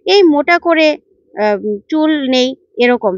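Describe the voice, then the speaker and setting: A woman's voice: high voice, lively intonation, slow, dry recording, voice pushed up. A woman voicing a nervous man who stammers and answers defensively, in a dull, dry recording.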